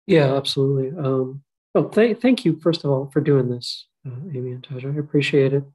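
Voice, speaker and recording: A man's voice: mid-range voice, brisk, a little mellow, slightly rough, low-quality recording. A man who grew up in Qatar, speaking as an author on a panel over a video call, thoughtful and self-deprecating. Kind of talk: panel discussion. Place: home room. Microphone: video call webcam.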